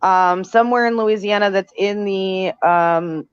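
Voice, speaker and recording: A woman's voice: medium pitch, a little slow, smooth. Casual, blunt woman on dull lo-fi audio. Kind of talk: casual speculative chat. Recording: dull lo-fi sound, faint noise.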